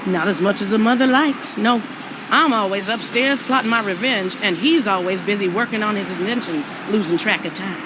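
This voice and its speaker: A woman's voice: medium pitch, moderate pace, background noise, natural voice. A woman playing a sassy, blunt, grudge-holding ghost of an older mother in a cartoon video game. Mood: stubborn.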